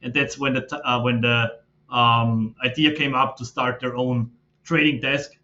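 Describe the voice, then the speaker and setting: A man, a podcast guest who explains his background in a steady, filler-laden way. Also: medium pitch, a little slow. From Austria. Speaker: guest, fund manager. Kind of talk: casual interview talk. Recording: slightly dull lo-fi audio.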